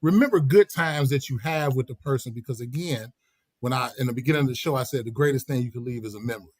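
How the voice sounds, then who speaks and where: A middle-aged man telling a casual, animated story on a podcast, laughing as he goes. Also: mid-range voice, fast talker, no echo. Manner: animated, laughing, slips into quoted voices. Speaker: podcast host.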